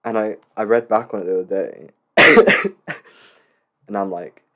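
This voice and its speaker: A man's voice: on the low side, a little slow, pushed and bright. A man hosting a casual solo podcast, rambling and joking with lots of restarts. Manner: rambling, full of fillers and restarts, jokey asides. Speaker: podcast host.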